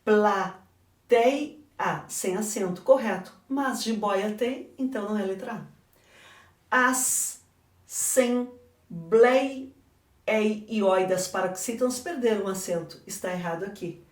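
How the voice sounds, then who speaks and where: A woman teacher with a Brazilian Portuguese accent goes over an exam slowly in a mid-range voice, posing questions and then answering them herself in a didactic style. She sounds distant, recorded in an echoey room.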